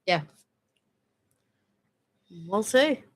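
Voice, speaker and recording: A woman's voice: mid-range voice, expressive, extremely slow. A woman co-hosting a casual stream, mostly chiming in with short, amused agreements. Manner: brief agreeing interjections, drawn out, amused. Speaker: co-host. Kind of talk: casual chat.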